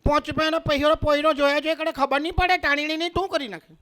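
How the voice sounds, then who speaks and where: A woman's voice: fairly even intonation, a bit bright. A man putting on a scolding Surati Gujarati woman. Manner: high, rapid, scolding. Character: sharp-tongued young woman from Surat scolding a staring boy.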